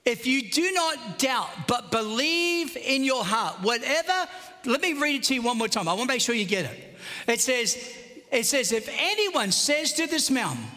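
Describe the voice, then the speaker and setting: Man, pastor, sermon, emphatic scripture reading, long hall reverb. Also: very high-pitched. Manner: animated preaching, reading scripture aloud with emphasis.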